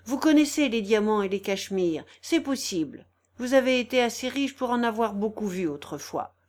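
Woman voicing a sharp-tongued old housekeeper. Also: a little high, lively intonation, normal speed, lightly acted. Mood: chiding. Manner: loud, chiding, exasperated. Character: scolding older female housekeeper, sharp-tongued.

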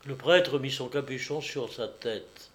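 A man narrating a classic novel as an audiobook in a measured, expressive way. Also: mid-range voice.

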